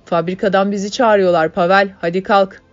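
A woman voicing a young male worker who talks in a sweet, soft-spoken way. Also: on the low side, a little fast, close to an everyday voice. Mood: gentle. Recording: dull lo-fi audiobook, faint music.

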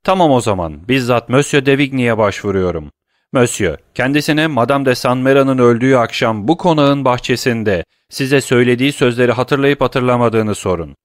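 A man's voice: medium pitch, normal speed, no echo, clean studio sound, natural voice. A man voicing a grieving, impassioned young lover who speaks in urgent, accusing and pleading tones.

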